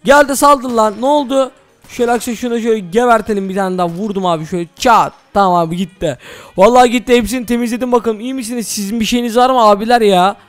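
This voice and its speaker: A man hosting a Minecraft role-play, talking excitedly to his viewers as "friends". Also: sits high, quick pace, faint music behind. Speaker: gaming channel host.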